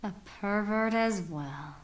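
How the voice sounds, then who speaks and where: A woman's voice: medium pitch, slow pace, heavy background noise, natural voice. A woman voicing a stern, cold woman dismissing a worker in an anime dub. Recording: anime dub audio with loud music.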